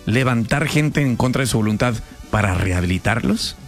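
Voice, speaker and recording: Casual radio talk show host. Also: male voice, mid-range voice, animated, moderate pace, faint music behind. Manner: casual, friendly slang toward callers.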